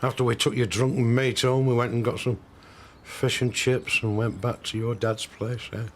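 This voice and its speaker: An actor playing a bantering working-class husband in a TV soap. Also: male voice, mid-range voice, little pitch movement, moderate pace, slight background noise, close to an everyday voice. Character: cocky working-class northern husband, reminiscing. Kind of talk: soap opera acting.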